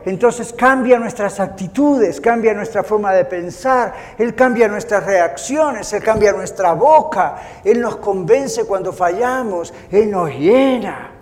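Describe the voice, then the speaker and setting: A man pastor preaching a sermon in an animated way, acting out inner voices as he goes. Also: sits high, in a large hall.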